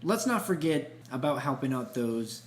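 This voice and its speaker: In a relaxed, colloquial storytelling chat, a man co-hosting a podcast speaks with a medium, sing-song voice at a moderate pace. The recording has echo, hum and noise.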